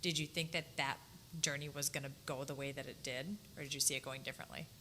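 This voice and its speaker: A woman's voice: very deep voice, steady tone, quick pace, bright, forceful tone. A woman interviewing a client, asking questions with an encouraging, chatty manner. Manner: encouraging, frequent "mm-hmm" and "yeah". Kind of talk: casual interview. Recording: roomy reverb with faint background noise.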